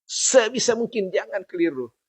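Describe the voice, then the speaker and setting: A man teaching Quran recitation, chanting verses slowly and patiently repeating each sound to correct common mistakes. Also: high-pitched, lively intonation, breathy edge, no room sound.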